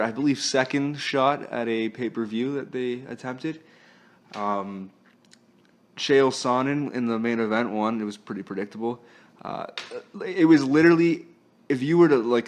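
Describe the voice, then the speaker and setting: A man hosting a casual sports talk podcast, chatty and easygoing, laughing often and using plenty of fillers. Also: mid-range voice. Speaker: podcast host.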